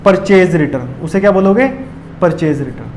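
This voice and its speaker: ऊँची आवाज़ वाला पुरुष शिक्षक, सवाल पूछकर खुद जवाब देता. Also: male voice, high voice, lively intonation, normal speed, darkish tone, a little hiss or hum, rough recording. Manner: asks questions and answers them himself. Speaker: commerce teacher. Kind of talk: classroom lecture.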